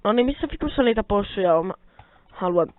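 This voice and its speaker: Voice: medium pitch, lively intonation. A let's player giving casual gameplay commentary, rambling to themself and the viewers and swearing often as they grumble at the game. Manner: rambling, self-talking, addresses viewers. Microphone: quiet mic held close. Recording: tinny phone-like mic, dry.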